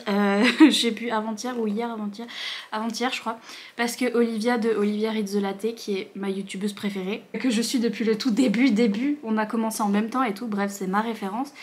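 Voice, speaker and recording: A young woman filming a casual book unboxing vlog at home, gushing with quick bursts of excitement and a bubbly, chatty manner. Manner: talks to her dog in a higher voice. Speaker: book vlogger.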